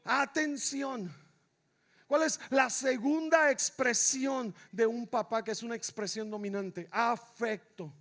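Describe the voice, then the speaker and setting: A man preaching a sermon in church, repeating his phrases with passion and swinging from shouts down to near-whispers. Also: very high voice, slow pace. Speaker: pastor. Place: church sanctuary.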